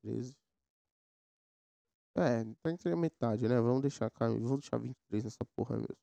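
His voice medium-pitched, creaky and warm, a Brazilian man in his 20s from São Paulo hosts a solo podcast at a moderate pace, drifting from topic to topic in slang. The home setup includes a mechanical keyboard, and the sound card recording is lo-fi with no echo.

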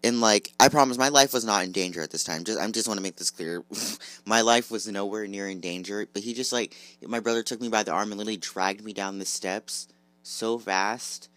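A man's voice: fairly low pitch, a little fast, a bit bright, dry recording. A young man casually telling childhood stories, rambling and filling his speech with "like" and "literally," often correcting himself mid-sentence. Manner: rambling, filler-heavy, self-correcting. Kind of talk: casual storytelling.

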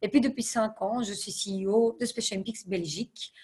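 A woman's voice: medium pitch, brisk, a little mellow, slightly rough. A woman in her thirties, a podcast guest, answering interview questions thoughtfully with frequent hesitations and English business terms. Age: 30s. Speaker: podcast guest, nonprofit CEO.

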